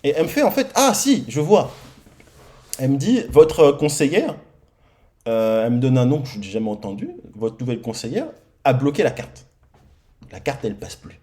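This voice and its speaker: A man's voice: mid-range voice, a little fast. French guy telling his testimony at church, voice jumps all over, acts out the people. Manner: lively storytelling, acts out dialogue, many repeated starts. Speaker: preacher giving a testimony. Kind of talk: sermon testimony. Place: church hall.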